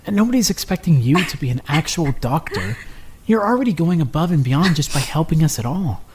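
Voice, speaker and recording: A woman voicing a prickly, gruff teenage girl in a fan-made game; she talks bluntly and stammers when she gets flustered. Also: sits low, expressive, a little fast, noisy background. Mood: stern. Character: prickly, gruff teenage girl who hides her kindness.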